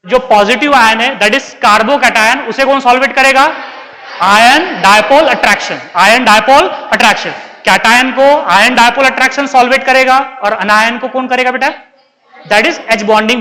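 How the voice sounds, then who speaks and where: An Indian man gives a chemistry lesson in a high, bright voice. He keeps firing questions at the class and answers them himself. His voice rings with a long hall reverb. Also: brisk. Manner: keeps quizzing students and answering himself, calls them beta. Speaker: chemistry teacher. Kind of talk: classroom lecture.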